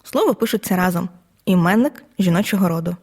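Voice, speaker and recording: A woman teacher giving a scripted audio lesson, explaining in a measured way and reading examples out one by one. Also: lowish voice, animated, over music. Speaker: Ukrainian language teacher.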